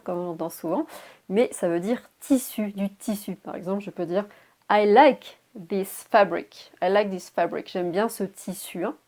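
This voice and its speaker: In a casual video lesson, a young woman teaches English, spelling out words letter by letter and dropping in small fillers. Her medium-pitched voice is a little mellow but sounds somewhat worn, and she clears her throat.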